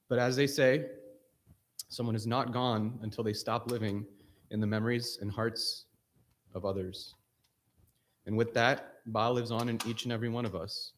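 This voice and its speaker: A man delivering a personal funeral eulogy, earnest, pausing between short phrases. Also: medium pitch, steady tone, slight background noise. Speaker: family member giving a eulogy.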